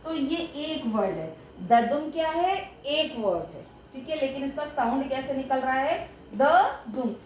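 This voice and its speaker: A young woman with a high voice teaches a grammar lesson. She breaks each point into small steps and keeps checking that her students follow. The room is echoey, with a faint hiss behind her. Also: expressive, unhurried, darkish tone. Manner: explains step by step, often checks with "ठीक है". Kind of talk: explaining a lesson at a board.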